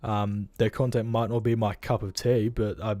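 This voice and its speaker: A man's voice: fairly low pitch, little pitch movement, normal speed, mellow, no echo. A young Australian man hosting a casual livestream, tired and rambling, talking bluntly and swearing freely from home. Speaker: livestream host.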